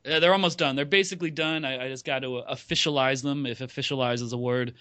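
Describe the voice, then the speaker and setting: A man's voice: mid-range voice, fairly even intonation, fast, sharp tone, no echo. A man in his late thirties chatting on a podcast with a wry, self-deprecating manner. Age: 30s. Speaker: podcast regular, blogger. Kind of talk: casual podcast chat.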